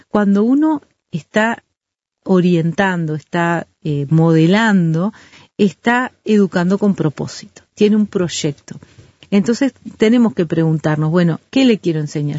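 A woman, a guest expert, explaining calmly and step by step with everyday examples. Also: lowish voice, no echo. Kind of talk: calm explanatory talk. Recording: dull lo-fi dry sound.

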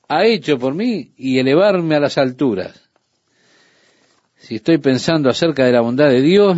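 A man's voice: mid-range voice, a little mellow, no echo. A man preaching a radio sermon, telling stories and acting out his own outbursts. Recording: dull lo-fi dry studio recording.

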